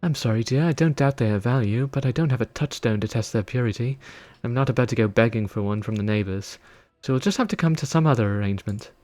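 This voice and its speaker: A man voicing a fussy tavern keeper reading quest dialogue in a put-on accent, pitched above his usual voice. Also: fast talker, few pauses, darkish tone, dry recording, soft background music, close to an everyday voice. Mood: businesslike. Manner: put-on accent, higher than his own voice.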